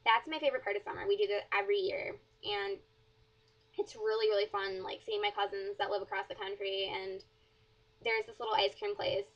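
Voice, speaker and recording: This teen girl from southern Wisconsin, USA, answers her followers' questions in a casual Q&A vlog, talking briskly in a light, mid-range voice that stays flat and level. Her rambling leans heavily on fillers like "like" and "um," and the sound is dull and lo-fi, as if from a cheap webcam mic.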